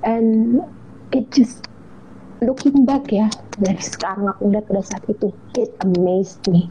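A woman's voice: medium pitch, fairly even intonation, measured pace, warm tone, a little hiss or hum, rough recording. A woman, a guest in a casual interview chat, telling a heartfelt story and dropping in English phrases.

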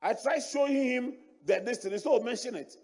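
Husky high-voiced African bishop preaching. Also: male voice, normal speed. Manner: animated storytelling preacher, repeats and restarts words. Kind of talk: sermon. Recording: long reverb of a large hall.

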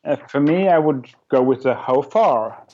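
A man's voice: medium pitch, animated, unhurried, a little mellow, lo-fi sound. A man giving casual, reflective, plain-spoken interview answers as a podcast guest. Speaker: podcast guest, design director.

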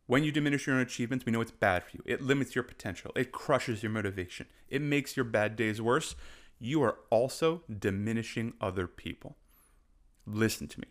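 Casting note: male fitness coach with a mid-range voice, emphatic motivational delivery. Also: medium pitch. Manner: passionate, emphatic, repeats for stress; moves about while talking. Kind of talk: motivational talk to camera.

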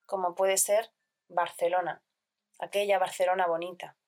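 Woman calmly teaching grammar. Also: lowish voice. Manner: clear, measured explanation with listed examples. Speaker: Spanish teacher. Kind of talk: scripted grammar lesson.

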